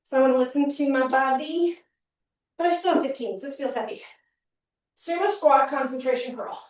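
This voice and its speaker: A woman's voice: sits high, moderate pace, a little mellow. A woman fitness trainer leading a home workout class, counting reps and giving upbeat cues while she gets out of breath. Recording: very echoey room, mic at a distance.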